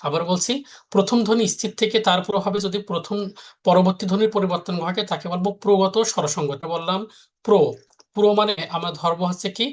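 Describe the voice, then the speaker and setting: A man's voice: high-pitched, fairly even intonation, fast. A man teaches a live grammar class. He states each rule, repeats it, then puts questions to the class and answers them himself. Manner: repeats rules, asks and answers own questions. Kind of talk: live online grammar lesson.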